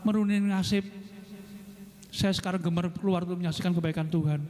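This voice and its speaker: A man's voice: high voice, steady tone, fairly quick, a little mellow. A middle-aged man giving an earnest personal testimony in a church service, often turning to address the congregation directly. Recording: reverberant church hall with instrumental music behind.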